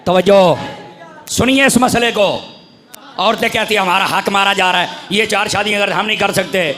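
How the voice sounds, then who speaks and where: A man with a Punjabi accent preaching a fiery sermon, shouting his points with emphasis. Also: high voice, some chatter behind. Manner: shouting, emphatic, mixes in folk sayings.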